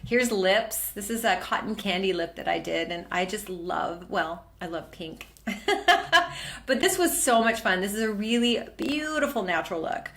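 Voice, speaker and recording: A woman's voice: medium pitch, animated, moderate pace, few pauses, fairly bright tone. A middle-aged woman teaching a permanent makeup training lesson, presenting her work over slides in an enthusiastic, chatty way with frequent fillers.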